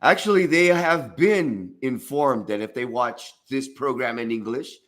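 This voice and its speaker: A man's voice: medium pitch, unhurried, fairly bright tone. A man co-hosting a live fan show, talking in an effusive, emphatic way and repeating his phrases. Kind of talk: casual live-stream chat.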